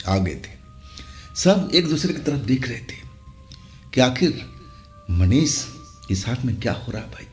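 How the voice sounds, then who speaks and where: A man narrating a horror story, dropping to hushed whispers and rising to loud exclaims. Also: on the low side.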